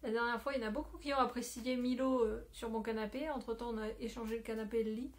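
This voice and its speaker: A woman's voice: fairly high pitch, fairly even intonation, fast talker. A woman talking casually to her phone camera at home as a knitting podcaster, rambling with many fillers and self-corrections. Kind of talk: casual video chat. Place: at home, indoors.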